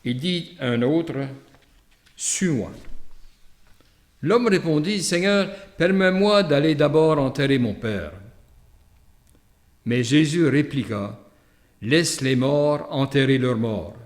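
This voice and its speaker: Fairly high-pitched and lively in intonation, this male priest speaks slowly with long pauses and a Canadian French accent. He reads the gospel and gives a reflective, anecdotal homily full of hesitant asides.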